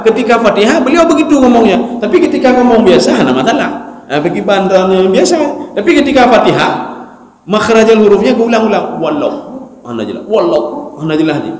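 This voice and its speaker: A male preacher giving a study sermon in a mosque, animated and joking, acting out mumbled recitation. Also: sits high. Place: mosque hall. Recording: echoey mosque hall.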